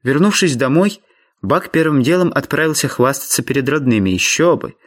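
A man's voice: fairly high pitch, lively intonation, brisk. Man reading a story evenly. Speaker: audiobook narrator. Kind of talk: scripted first-person narration.

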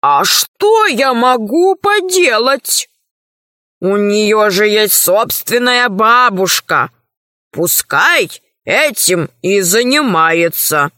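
A woman voicing a fat, lazy magical king in a storybook reading, drawling and grumbling in a lower voice. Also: sing-song, extremely slow, bright, forceful tone, no echo, clean studio sound, full character voice.

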